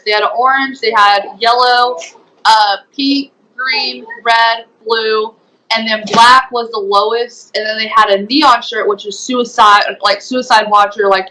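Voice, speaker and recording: A woman's voice: fairly high pitch, sharp tone, rough recording. A young woman giving a personal testimony as an interview guest, retelling events earnestly with many fillers. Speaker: guest, former program resident.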